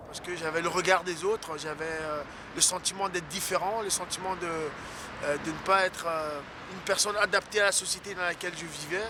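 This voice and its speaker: West african guy, kinda high voice, earnest doc interview, lots of pauses, traffic noise behind. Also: steady tone. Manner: earnest, hesitant with many fillers. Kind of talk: documentary interview. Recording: clear street noise behind.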